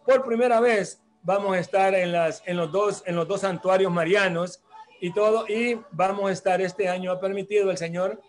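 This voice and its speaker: High-voiced man hosting a church program. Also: fairly even intonation, normal speed. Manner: rambling, hesitant, with many restarts and tag questions. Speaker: religious program host. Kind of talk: announcements and church talk.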